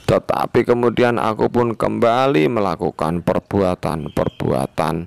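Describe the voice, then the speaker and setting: A man narrating a religious tale in a measured, earnest read-aloud manner, with a gravelly voice. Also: lowish voice, dry recording. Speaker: storyteller.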